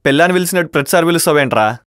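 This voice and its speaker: A man's voice: fairly high pitch, lively intonation, racing, fairly bright tone, clear, resonant tone, dry recording, studio quality. An actor playing an irritated young man complaining about being called on for errands, in a comedy web series.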